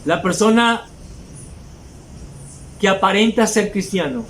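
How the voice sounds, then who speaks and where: A man's voice: sits high, lively intonation, slow pace, fairly bright tone, a little hiss or hum, low-quality recording. A man preaching a sermon as pastor, emphatic and mocking hypocrites in mimicked asides.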